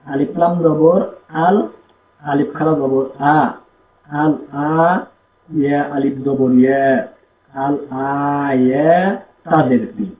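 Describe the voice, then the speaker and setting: Slow, methodical man teaching Quran reading. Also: on the high side, steady tone, slight background noise. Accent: Bangladeshi Bengali. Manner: spells letters and vowel marks, then blends syllables slowly. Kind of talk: slow spelling-out recitation lesson. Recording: echoey room, tinny phone-like sound.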